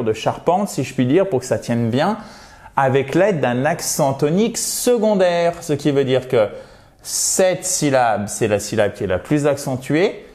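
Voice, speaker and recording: Lively man teaching English stress. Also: mid-range voice. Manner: lively, repeats words with exaggerated stress. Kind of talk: video pronunciation lesson.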